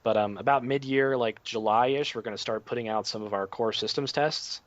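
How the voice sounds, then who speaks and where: A man being interviewed about his game, talking in a relaxed, rambling way full of "like" and "um". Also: medium pitch, normal speed. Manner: relaxed, filler-heavy, lots of "like" and "um". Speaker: game developer guest. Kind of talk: podcast interview. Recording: dull lo-fi remote audio.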